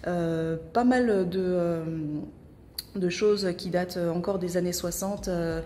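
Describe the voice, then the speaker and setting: A woman's voice: lowish voice, slow, warm tone. A young woman hosting a casual travel vlog outdoors, speaking with many hesitant filler sounds. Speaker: travel vlogger. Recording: outdoor camera audio with background noise.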